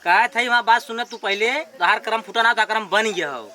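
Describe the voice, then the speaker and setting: A man plays a village drunkard and gambler in an Awadhi-accented comedy skit. His voice is bright and sharp, and he cajoles, dodges and boasts to his wife without shame. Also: high voice, brisk. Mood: evasive. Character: shameless gambling, drinking village husband, stubbornly evasive.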